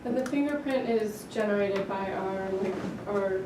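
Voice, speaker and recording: A woman's voice: mid-range voice, normal speed. A woman talking casually through a technical problem in a team discussion. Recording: echoey room, distant mic, background noise.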